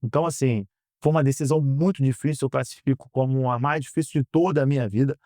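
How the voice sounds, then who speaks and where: A Brazilian man in his thirties answering interview questions in an earnest, measured way, often ending phrases with a questioning tag. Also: medium pitch, dark tone, dry recording, clean studio sound. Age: 30s. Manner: earnest, measured, frequent "né?" tags. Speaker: guest, politician. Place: podcast studio.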